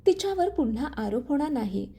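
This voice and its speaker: A woman voicing a calm young husband who speaks firmly and sternly. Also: sits high, brisk. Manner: firm, stern.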